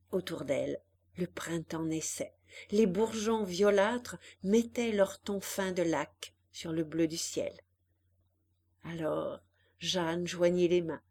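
Slow, measured woman narrator. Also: mid-range voice. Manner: expressive, measured reading. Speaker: audiobook narrator. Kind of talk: literary audiobook narration.

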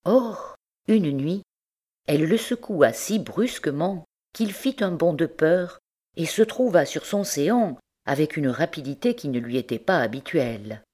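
A woman narrating a literary story in a measured, expressive way. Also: low voice, slightly rough. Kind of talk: audiobook narration.

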